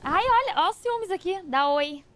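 A woman with a Brazilian accent chatting on her stream, teasing playfully with baby talk and sudden shouts. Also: very high-pitched, lively intonation, normal speed, crowd noise. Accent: Brazilian Portuguese. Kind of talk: casual chat on a stream.

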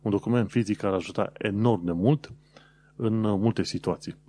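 Deep, mellow Romanian podcast host. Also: male voice. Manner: explanatory, conversational, with frequent hesitation fillers. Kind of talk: casual solo podcast talk with practical tips.

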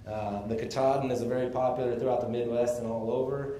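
A man from Texas gives a casual conference presentation, explaining things in a relaxed way with the odd chuckle. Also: medium pitch, fast talker, a little hiss or hum. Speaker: conference speaker on sheep breeding. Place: conference room. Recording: echoey conference room, faint ambience.

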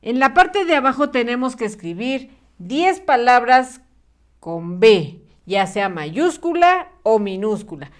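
A woman, teaching young children how to spell. Her voice is a little high and moves up and down a lot. She speaks slowly and clearly, patient and encouraging. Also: big pitch swings. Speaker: primary school teacher.

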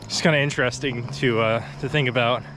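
A young adult man talks fairly quickly in a medium-pitched voice during a casual walking vlog, slightly breathless as he heads uphill along a quiet rural road. Relaxed and chatty, he fills his speech with fillers and short laughs. He films with a phone or action camera at arm's length, and a little hiss or hum is audible.

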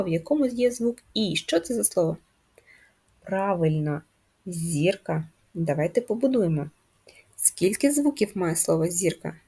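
A woman gives a handwriting lesson to first graders, calm and patient as she walks through each stroke. Her voice sits a little low and has a husky edge. She puts simple questions to the children and answers them herself in a steady, encouraging tone. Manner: patient, clear, step-by-step instruction to children. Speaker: primary school teacher.

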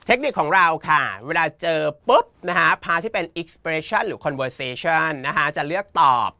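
A man with a Thai accent teaching an English exam lesson in a playful, teasing, campy way, reading the English options slowly. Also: on the high side, animated, bright, forceful tone, dry recording. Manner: campy, teasing, uses feminine polite particles.

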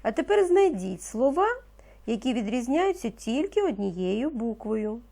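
A woman leads a reading lesson for young children. Her fairly high voice rises and falls in a lively way as she pronounces each word slowly and with care. She sounds patient and encouraging. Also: gravelly. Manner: slow, patient, encouraging, pronounces words carefully. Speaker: primary school teacher.

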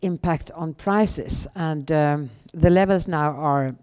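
A middle-aged woman with a Swedish accent, answering questions on stage in a measured, halting way with pauses. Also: low voice, warm tone, slight background noise. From Sweden. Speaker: guest, bank founder and chief executive. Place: indoor event room on a small stage. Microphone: headset.

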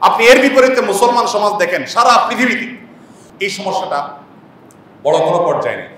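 A man's voice: high voice, very animated, fairly quick, fairly bright tone, very echoey, far from the mic, a little hiss or hum. A man preaching a sermon with impassioned rhetorical questions and repeated lists. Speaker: Islamic preacher. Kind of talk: sermon-style lecture.

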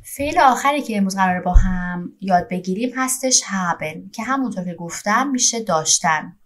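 Woman teacher doing an online language lesson, patient, explains step by step, says each verb form slow and clear. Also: on the low side. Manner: slow, careful dictation of German verb forms with Persian explanations.

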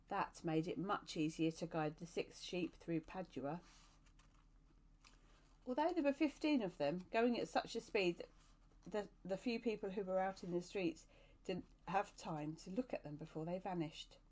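A woman as storyteller, reading a novel aloud in a steady, even narration. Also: on the low side.

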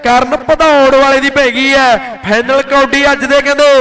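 Punjabi guy doing frantic village kabaddi commentary, really high voice, excited, keeps repeating phrases. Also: moderate pace, poor audio. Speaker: kabaddi tournament commentator and announcer. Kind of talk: frantic rural live sports commentary.

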